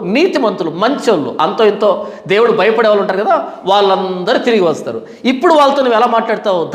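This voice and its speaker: A male pastor preaching a sermon in colloquial style, asking questions and answering them himself. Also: high-pitched. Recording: echoey hall reverb.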